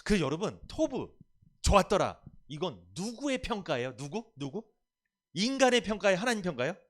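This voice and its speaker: A male pastor preaching a sermon, asking his congregation questions and answering them himself. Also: on the high side.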